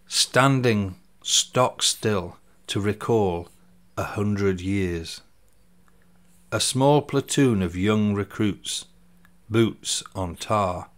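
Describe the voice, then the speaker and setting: Reading his own poetry, a lowish-voiced man in his fifties takes a measured, deliberate approach, with pauses between brief phrases and a falling voice at line ends. The recording has gentle music beneath it.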